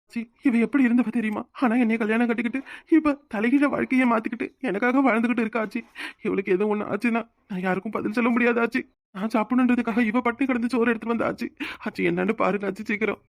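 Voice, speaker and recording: A woman voicing an emotional young village husband in a cartoon, with a Tirunelveli Tamil accent, pleading and quick to flare up. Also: fairly high pitch, fairly even intonation, dry recording, lightly acted. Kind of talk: cartoon voice acting.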